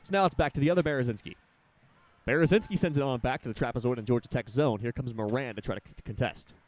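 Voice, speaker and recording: A young man calling live college hockey play-by-play, rattling off passes and rising in excitement on shots. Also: medium pitch. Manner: rapid, rising excitement on big plays. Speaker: play-by-play announcer.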